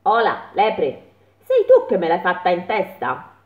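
A woman voicing a small nearsighted female mole who keeps asking the animals questions in a squeaky, exclaiming way, recorded with a tinny, phone-like sound in an echoey room. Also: wildly swooping pitch, measured pace. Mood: questioning.

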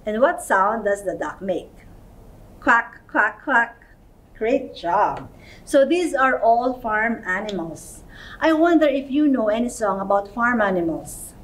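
A woman's voice: mid-range voice, very animated, measured pace, distant mic, low-quality recording. A middle-aged woman, an early childhood educator, talks as if to a toddler in a simple, encouraging, sing-song way, asking little questions in an indoor room. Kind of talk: children's lesson, talking as if to a toddler. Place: indoor playroom-style studio, seated.

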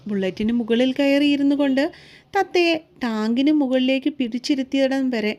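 A woman narrates a romance novel in a slow, emotive and soothing way. Her voice is warm and mellow rather than bright, and it sits a little high. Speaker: storyteller.

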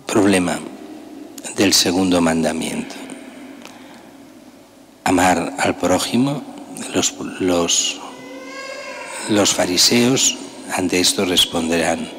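Deep-voiced older priest in a church. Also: male voice, slow pace, long pauses, fairly bright tone. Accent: Spanish. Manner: conversational, emphatic, rhetorical questions. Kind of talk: sermon. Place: large church. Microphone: gooseneck lectern mic. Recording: long church reverb, faint hiss.

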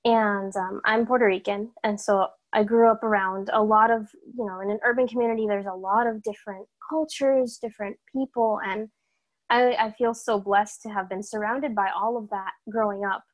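Over a laptop video call with low-quality audio, a young woman from Massachusetts, USA, a guest performer, casually introduces herself. Her medium-pitched voice moves at a moderate pace, and her manner is upbeat, energetic and chatty, with lots of fillers.

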